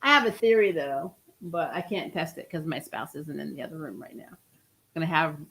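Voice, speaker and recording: A woman's voice: low-pitched, lively intonation, a little fast, a bit bright, breathy edge. A woman hosting a live stream in a casual, chatty way, her voice echoing through her desk microphone. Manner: chatty, laughs often, trails off in asides. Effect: echo on her voice from the mic. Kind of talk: casual fan chat about comics shows. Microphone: desk microphone near webcam speakers.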